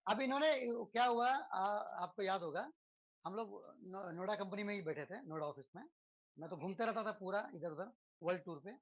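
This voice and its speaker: A male teacher gives a relaxed physics lesson to students. He keeps checking in with tag questions and leans on rhetorical questions and everyday examples to make his points. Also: sits high, fairly quick, muffled recording. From India. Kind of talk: lecture to students.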